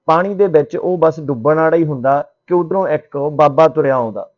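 A man's voice: a little high, a little fast, a little mellow, lo-fi sound. A man narrating a motivational story in a plain, conversational way.

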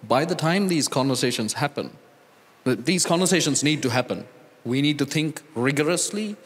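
Sri panelist in his thirties, earnest and deliberate, mid-range voice, handheld mic, long hall reverb. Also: mid-range voice. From Sri Lanka. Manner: earnest, deliberate, with pauses and restarts. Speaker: conference panelist, data scientist. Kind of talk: conference panel talk. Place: large conference hall stage. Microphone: handheld microphone. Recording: reverberant conference hall sound.

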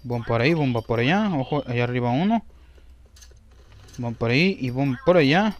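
A young man commentating his own gameplay, excitable and repeating himself as he talks. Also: mid-range voice, fairly quick, muffled recording.

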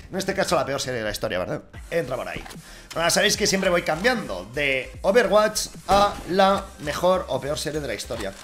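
A man with a Spain Spanish accent comments on a game in a casual, joking way. His pitch moves a lot, from low grumbles to loud outbursts. Music plays clearly behind his voice. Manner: exasperated, joking, swinging between mutters and outbursts. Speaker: gaming YouTuber. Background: background music.

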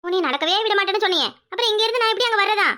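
A woman voicing a young, pregnant village wife in a cartoon who is tender and teasing, speaking with a southern Tamil accent in a high, sing-song way. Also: expressive, rapid-fire, pushed and bright, full character voice. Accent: southern Tamil (Tirunelveli). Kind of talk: cartoon voice acting.

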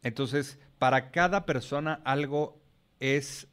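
A man's voice: mid-range voice, slow pace, a bit bright, smooth. Frank Mexican man, casual swearing. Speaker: podcast guest. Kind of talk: casual chat.

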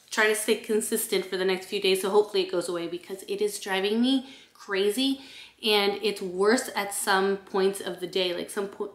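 A woman's voice: medium pitch, fairly bright tone. A woman in her thirties chatting casually to the camera at home, explaining things in an easygoing, talkative way. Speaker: vlogger and flight attendant. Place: indoor rooms at home, kitchen and bedroom. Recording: echoey home rooms.

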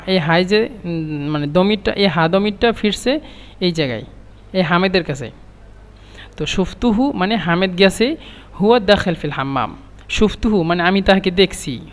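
High-voiced man teaching Arabic in a reverberant room. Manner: repeats phrases slowly, then translates. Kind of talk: explaining Arabic phrases.

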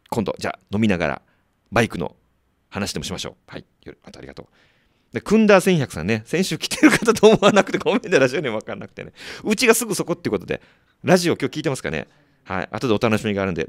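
A man's voice: lowish voice, no echo, studio quality. A man hosting a community radio show, reading listener mail in a chatty, joking way with frequent laughter. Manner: chatty, laughing often, quick asides to listeners.

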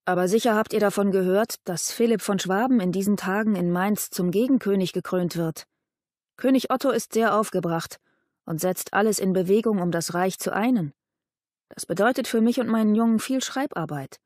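A woman's voice: mid-range voice, moderate pace, a little mellow, no echo, natural voice. A stern older father , read by a woman narrating a storybook speaks in a firm, curt way. The sound is dry and close.

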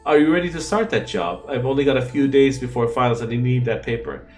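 A man's voice: medium pitch, quick pace, a little mellow, faint music behind, lightly acted. A man voicing a worried, eager young first-year wizard student in a fantasy game. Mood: anxious.

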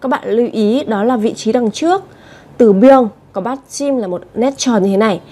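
A woman gives a Korean vocabulary lesson. Her voice sits slightly high and sounds mellow and relaxed. She repeats each word patiently and often turns to her viewers with direct questions. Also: normal speed, breathy edge. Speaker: Korean language teacher.

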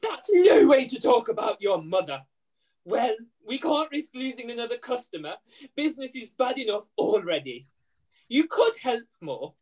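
A woman's voice: a little high, very animated, moderate pace, darkish tone, slightly rough. A woman playing a downtrodden, blustering widowed mother who runs a laundry, in hammy, plaintive pantomime style. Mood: exasperated. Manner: exaggerated, plaintive, addressing the audience. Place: room at home, video call.

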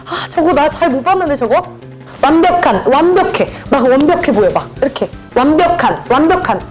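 With faint music behind her, a channel host lays out party guessing-game clues and says the same words over and over. She speaks at a moderate pace in an animated voice that sits high.

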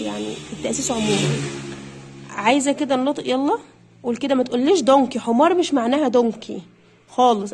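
A woman's voice: on the high side, gravelly, a little mellow, a little hiss or hum. A young woman with an Egyptian Arabic accent, teaching a primary English pronunciation lesson, coaxing her listeners and drilling words by repeating them.

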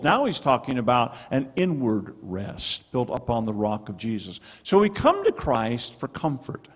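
A middle-aged male pastor preaches with an emphatic, animated delivery into a handheld mic. His voice sits a little high and swings widely in pitch. The sound carries a long church-hall reverb. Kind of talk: sermon. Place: church sanctuary with stone wall and projection screen. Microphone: handheld microphone.

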